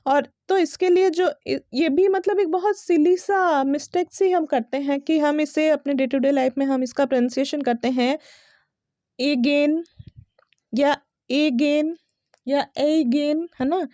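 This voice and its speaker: A woman teaching English pronunciation in a casual spoken lesson. She spells words out letter by letter, says them slowly and often checks that her listeners are following. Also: sits high, steady tone, warm tone, no echo.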